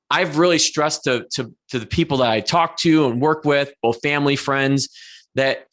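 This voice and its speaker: A podcast host in his 40s with a medium-pitched, fairly bright voice leads a conversational interview. He sounds earnest and tends to restart his sentences a lot.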